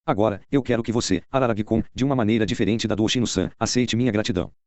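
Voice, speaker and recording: A Brazilian man voicing a cool, cutting teenage schoolgirl in a flat, deadpan delivery while reading a novel aloud. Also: fairly low pitch, racing, no room sound, close to an everyday voice. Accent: Brazilian Portuguese.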